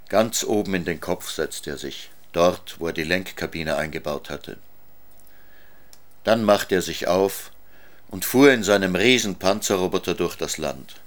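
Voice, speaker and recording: A man reading a children's story aloud in a calm, measured way. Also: low-pitched.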